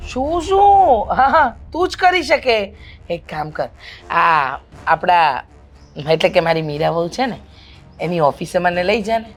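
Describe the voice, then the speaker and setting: A woman playing a pushy middle-aged mother-in-law who wants a grandson, talking loudly and insistently in a family drama. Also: on the low side, very animated, a little slow, soft background music, heavily acted. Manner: loud, insistent, scolding. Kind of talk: amateur family drama acting.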